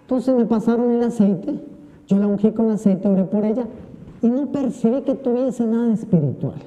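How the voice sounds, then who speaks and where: A priest giving a homily during Mass, telling a humorous personal story and acting out the voices of the people in it. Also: male voice, extremely high pitch, moderate pace, mellow, big-room sound, lo-fi sound.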